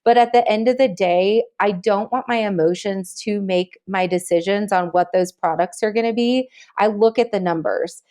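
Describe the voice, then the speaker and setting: Energetic woman on a podcast, chatty and laughy, mid-pitched voice. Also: normal speed, few pauses. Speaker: guest, marketing agency CEO. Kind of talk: podcast interview.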